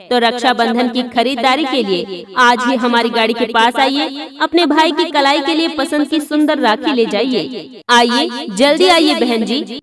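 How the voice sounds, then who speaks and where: High-voiced woman making a sales announcement. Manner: repeated calls and invitations, like a hawker. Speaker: street vendor advertisement announcer. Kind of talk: scripted promotional sales announcement.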